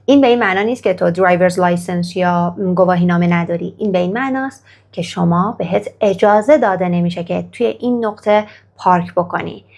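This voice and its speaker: A woman teaching English grammar in Persian, who reads English example sentences slowly and carefully and praises the viewer after each exercise. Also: fairly low pitch, gravelly, darkish tone. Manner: slow, careful model sentences in English, then Persian explanation.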